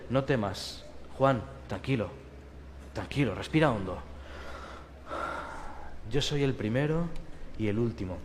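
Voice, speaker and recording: Male pastor with a Spain Spanish accent, lively rhetorical sermon, higher-pitched voice, long hall reverb. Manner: lively preaching with rhetorical questions, dropping to a soft hush for quoted comfort.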